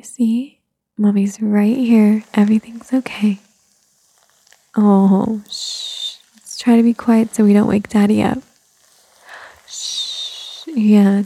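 Soft, breathy, gravelly-toned woman. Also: on the high side, no room sound. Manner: soft, soothing, often whispered. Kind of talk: ASMR roleplay.

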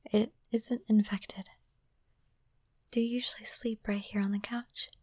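A calm, caring young princess, played by a woman, speaks only in a soft, airy whisper. She takes her time over every phrase, unhurried and reassuring. The sound is intimate and dry, right up at the microphone. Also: mid-range voice, no echo, close to an everyday voice. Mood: soothing whisper. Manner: slow, soothing, reassuring. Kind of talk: whispered ASMR roleplay.

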